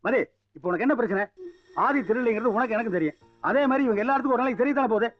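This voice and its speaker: A man's voice: very high voice, racing, soft background music. An actor playing a proud, hot-tempered foster father scolding his son. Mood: challenging. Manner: scolding, commanding. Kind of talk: film drama acting. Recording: dull film soundtrack.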